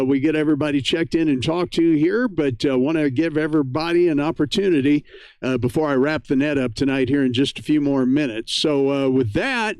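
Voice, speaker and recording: A man's voice: a little high, clear, resonant tone, no echo. An American man, middle-aged or older, hosting an amateur radio net in a chatty, folksy, casual way.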